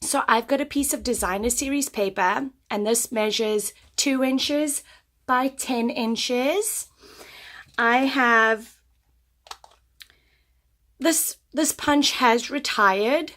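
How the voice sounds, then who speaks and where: An American woman doing a paper craft tutorial at her craft table gives chatty, step-by-step instructions while losing her voice. Her voice is high and a bit bright.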